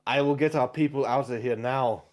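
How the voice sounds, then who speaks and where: A man's voice: medium pitch, fairly even intonation, fairly quick, voice pushed up, natural voice. A man voicing a flustered, panicked elven lord in a tabletop game, speaking urgently.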